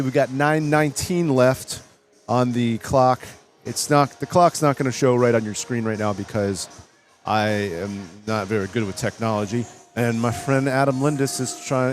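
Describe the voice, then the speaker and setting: A man doing live play-by-play commentary for a hockey game, brisk and rising in pitch on the big plays.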